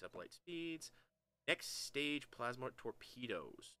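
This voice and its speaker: A man giving casual, excitable commentary while playing a strategy game, often trailing off mid-sentence. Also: mid-range voice, slow pace, clean tone. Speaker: gameplay commentator.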